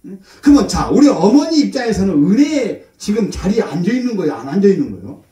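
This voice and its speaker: A man's voice: sits high, very animated, fast, dark tone. A middle-aged man preaching as a pastor, telling stories in a folksy way and acting out other people's voices. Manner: folksy storytelling, acts out his mother's voice. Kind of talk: sermon. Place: church. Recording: echoey church hall, voice from far off.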